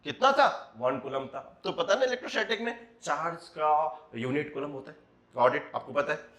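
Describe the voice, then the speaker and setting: A man's voice: a little high, lively intonation, normal speed, fairly bright tone. A man teaching a physics class, mixing Hindi and English and asking rhetorical questions. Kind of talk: classroom lecture. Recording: roomy echo.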